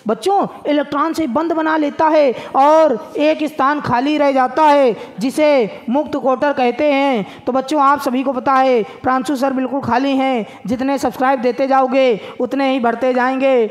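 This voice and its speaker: High-voiced, playful male physics teacher. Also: level tone, moderate pace, hardly any pauses. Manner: playful, sing-song, dialect asides. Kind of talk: exam-prep physics lesson.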